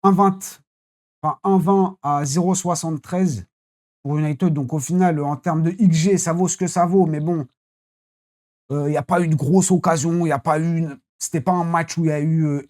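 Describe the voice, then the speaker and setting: A football channel host giving a casual, rambling live debrief after a match, blunt and quick to swear. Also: medium pitch, steady tone, darkish tone.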